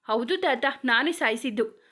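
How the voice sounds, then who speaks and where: A woman's voice: fairly high pitch, animated, measured pace, sharp tone, heavily acted. Woman voicing a naive, heartbroken village girl. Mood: confessing. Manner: pleading, tearful confession.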